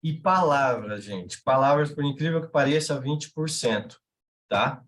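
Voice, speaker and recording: A man's voice: medium pitch, expressive, unhurried. A man with a Brazilian Portuguese accent teaching a live class, talking conversationally and checking in with his listeners. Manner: conversational, checks in with tag questions. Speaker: veterinary sales instructor.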